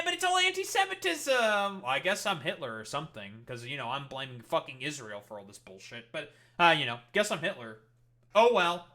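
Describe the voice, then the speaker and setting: A man's voice: on the high side, sharp tone. A man streaming and reacting to clips, talking in a heated, sarcastic, swear-filled rant. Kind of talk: profane rant commentary.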